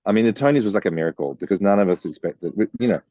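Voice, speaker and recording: A man with a bass baritone voice, chatting as a podcast guest and telling stories with lots of fillers. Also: animated, racing, dark tone, dry recording, muffled recording. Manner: chatty, storytelling with many fillers. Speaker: guest songwriter. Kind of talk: casual interview chat.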